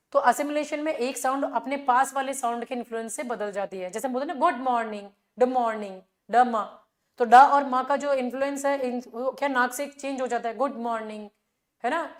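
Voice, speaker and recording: Indian woman teaching english exam revision, high voice, keeps asking the class questions, repeats filler phrases a lot. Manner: explaining with rhetorical questions.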